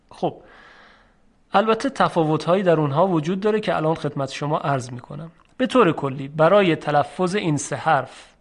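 Male teacher, fairly high voice, patient pronunciation lesson that stretches the example sounds slowly. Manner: slow and drawn-out on example sounds, repeating them for students. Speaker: Quran recitation teacher.

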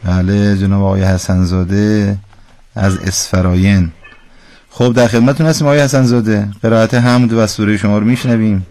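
A man's voice: lowish voice, fairly even intonation, warm tone. A man hosting a call-in radio lesson, patiently and precisely correcting callers' pronunciation. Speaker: radio Quran recitation teacher.

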